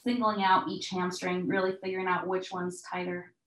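A woman instructor guiding a stretching class with breathing cues in a calm, measured, step-by-step manner. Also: lowish voice. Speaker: yoga and mobility instructor. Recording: echoey, roomy sound.

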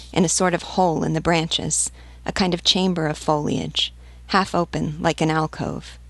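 Low, gravelly woman narrating a classic novel. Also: no room sound. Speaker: audiobook narrator. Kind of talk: scripted reading of a classic novel.

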